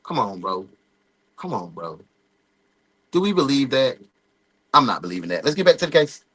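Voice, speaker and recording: A man hosting a casual reaction commentary, animated and slangy with laughing asides. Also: medium pitch, moderate pace, breathy edge. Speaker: host.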